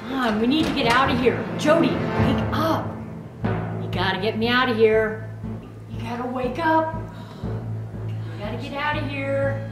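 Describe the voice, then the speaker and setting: An earnest, keen friend in a light adventure skit, acted by a woman. Her voice is fairly high, in a roomy recording with loud music underneath. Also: unhurried, long pauses. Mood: urgent.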